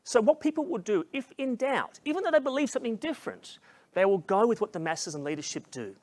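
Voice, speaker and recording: A man's voice: very high voice, big pitch swings, fast, no room sound. Passionate man giving a keynote. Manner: passionate storytelling, dropping to a hushed voice for emotional moments. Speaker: keynote speaker. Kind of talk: motivational keynote talk.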